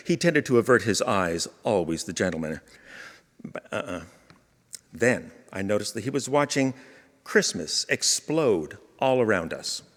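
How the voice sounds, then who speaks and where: A man telling a humorous personal story in a wry, playful manner, in a reverberant hall. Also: medium pitch.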